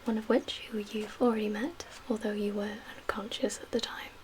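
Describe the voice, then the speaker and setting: This is an ASMR roleplay where a woman, as a calm and guarded survivor-camp medic official, speaks in a quiet, breathy whisper broken by measured pauses. Her pitch lands in the middle. There's audible background hiss and ambience.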